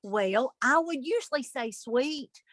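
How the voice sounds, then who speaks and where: A woman's voice: high voice, expressive, takes it slowly, a bit bright. A woman, a guest telling stories in casual interview chat over a video call. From Alabama, USA. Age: 50s. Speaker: guest, mother of a host.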